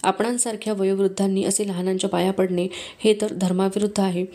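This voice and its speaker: A woman voicing a calm, humble young male saint who answers gently and respectfully, in a storybook reading. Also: mid-range voice, brisk, close to an everyday voice.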